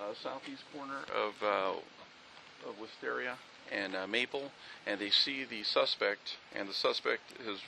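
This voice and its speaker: Gravelly man giving a methodical briefing. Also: mid-range voice, noisy background. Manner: methodical, factual, with fillers. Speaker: police officer briefing investigators. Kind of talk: on-scene incident briefing. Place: outdoors at a street scene.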